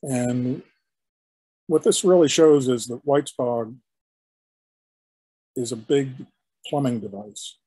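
An older man, a historian, giving an illustrated lecture in a halting, explanatory way with frequent restarts. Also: mid-range voice, dark tone, breathy edge, dry recording, low-quality recording. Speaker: historian giving a guest talk.

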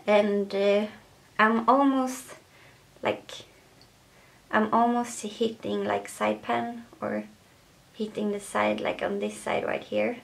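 Young woman, Swedish accent, gravelly fry, hesitant, casual to-camera vlog. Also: medium pitch, fairly even intonation, takes it slowly, pauses often. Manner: hesitant, many fillers. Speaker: beauty vlogger.

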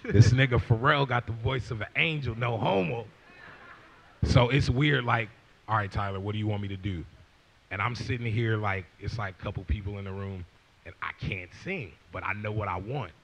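His voice is lowish, gravelly and a bit bright at a normal speed, captured in a muffled recording. A twentysomething guest rapper on a stage with a leather couch before an audience, he holds a handheld mic and rambles through a long profane story, voicing the quoted lines himself.

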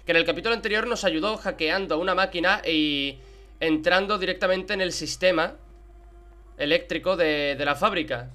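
A young man from Spain with a Spanish accent, giving excitable Let's Play commentary and swearing in surprise as he plays. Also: high-pitched, moderate pace. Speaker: gaming YouTuber. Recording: game music behind.

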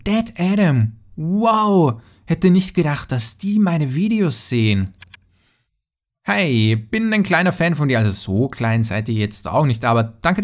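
A young man casually commenting on a browser game and reading out viewer messages in quick, chatty bursts. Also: medium pitch. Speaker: let's player.

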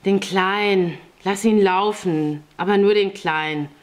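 A woman's voice: medium pitch, measured pace, lightly acted. A woman voicing a firm, pitying woman of the house in an audiobook reading.

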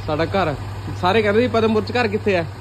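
Man, thirties, quick casual vlog talk, faint background noise. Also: high voice. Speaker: vlogger, host. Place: family house rooms and doorway. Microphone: handheld phone at arm's length. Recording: faint household and street noise.

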